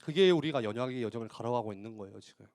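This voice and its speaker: A man preaching a youth sermon in church, conversational, tossing out rhetorical questions and punctuating with quick affirmations. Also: mid-range voice, lively intonation, a little mellow. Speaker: youth pastor.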